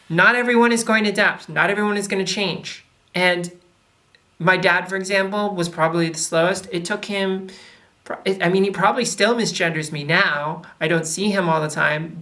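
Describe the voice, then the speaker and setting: A woman's voice: lowish voice, moderate pace, bright, forceful tone, recorded from a distance. A woman giving advice to camera in a casual, reflective way, with frequent conversational fillers.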